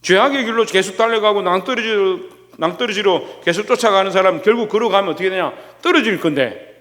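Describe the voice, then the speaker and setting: Korean pastor preaching in echoing church. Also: male voice, sits high, a little fast, fairly bright tone. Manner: rhetorical questions, calls on listeners by name. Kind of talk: sermon. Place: church sanctuary.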